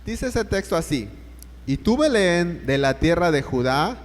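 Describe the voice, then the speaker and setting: A man's voice: fairly high pitch, very animated, a little slow, in a large hall. A man preaching a sermon, telling the story and putting questions straight to his listeners.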